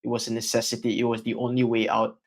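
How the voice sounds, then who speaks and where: A man's voice: medium pitch, completely flat delivery, fast talker, gravelly. A man interviewing a guest in an informal, conversational way. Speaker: podcast interviewer.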